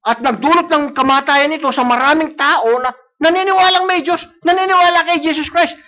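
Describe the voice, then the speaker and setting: A man's voice: very high-pitched, brisk. A man with a Filipino accent preaching a sermon, switching between Tagalog and English and often asking "no?" to the congregation. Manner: mixes Tagalog and English, repeats "sabi niya" and "no?". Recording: dull lo-fi live stream audio.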